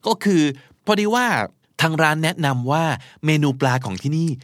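A man's voice: on the high side, animated, moderate pace, dry recording, studio quality, lightly acted. A man playing a polite, eager young secretary. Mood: helpful.

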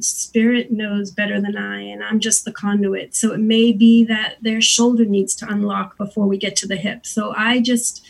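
Female sound-healer guest, husky with vocal fry, gently instructive, somewhat halting. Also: mid-range voice, rough recording. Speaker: interview guest, sound healer and Reiki practitioner. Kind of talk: unscripted interview, explaining and giving gentle guidance.

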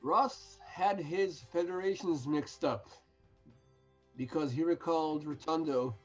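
A man's voice: on the high side, slow pace, soft background music. Wry man on dull lo-fi audio. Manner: dry, wry quips and mock arguments. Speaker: podcast co-host. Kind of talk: casual wrestling chat.

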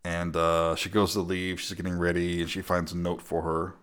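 A man's voice: sits low, level tone, moderate pace, fairly bright tone, clear, resonant tone. A man co-hosting a podcast, casually recapping a film, laughing often and swearing now and then. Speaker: podcast co-host.

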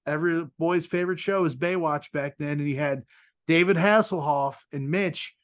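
A lively male podcast host in his thirties with a fairly high voice, telling stories in a relaxed, chatty way. He laughs often and acts out the lines of the people in his story. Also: normal speed. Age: 30s. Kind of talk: casual storytelling in an interview.

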